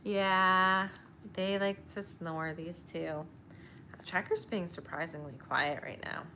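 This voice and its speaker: A woman's voice: on the low side, slow, pushed and bright, slight background noise. A young woman chatting casually while she crochets, rambling, laughing often and cooing at her dogs. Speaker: crochet vlogger.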